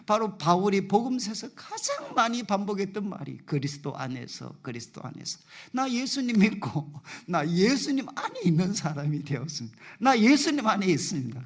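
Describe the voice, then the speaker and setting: A male pastor preaching a sermon in a church, acting out dialogue with God in a softer voice. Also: high-pitched. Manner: animated preaching, acting out God's voice softly. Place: church sanctuary.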